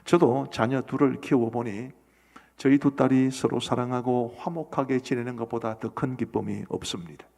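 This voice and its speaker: Middle-aged male pastor, gravelly mid-range voice, earnest questioning sermon, long church reverb. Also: medium pitch, steady tone, moderate pace, darkish tone. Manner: earnest, asks the congregation questions. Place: church sanctuary.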